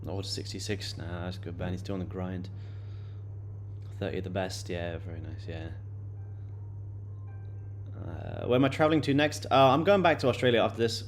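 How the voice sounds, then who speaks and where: Low-pitched and moderately paced, with long pauses, this man in his late twenties hosts a day-trading stream and chats informally with viewers, using many fillers and repeated words. Slight background noise is present.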